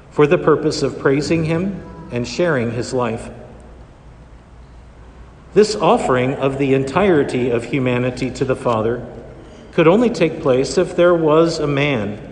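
Priest in a long church echo. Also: male voice, medium pitch, slight background noise. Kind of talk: liturgical gospel reading and homily. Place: large reverberant church during Mass.

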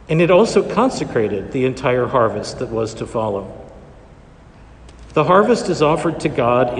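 A priest giving a liturgical reading and homily in a measured, solemn way, his voice ringing with cathedral echo. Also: medium pitch. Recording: echoey church hall reverb.

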